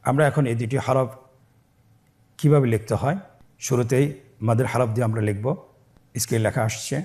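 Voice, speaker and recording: A man teaching Quran reading, spelling syllables slowly and asking listeners to repeat after him, voicing each joined word louder. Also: mid-range voice, fairly even intonation. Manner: slow, syllable-by-syllable call-and-repeat drilling. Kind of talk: step-by-step recitation lesson.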